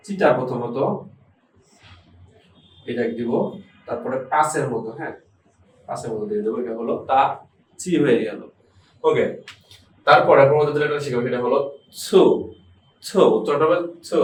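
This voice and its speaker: A man teaching a hiragana lesson at a board, patiently repeating each letter slowly as he writes. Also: mid-range voice, distant mic, a little hiss or hum. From Bangladesh. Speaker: Japanese language teacher. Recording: echoey room, voice from off the mic.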